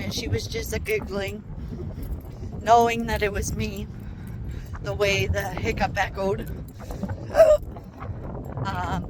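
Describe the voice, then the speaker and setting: A woman chatting casually to viewers as she walks outdoors, hiccuping over and over as she talks. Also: mid-range voice. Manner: chatty, rambling, talking to viewers. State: hiccuping repeatedly. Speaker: vlogger. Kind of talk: casual walking vlog. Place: outdoors walking along streets. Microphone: handheld phone while walking. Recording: outdoor phone recording with street noise.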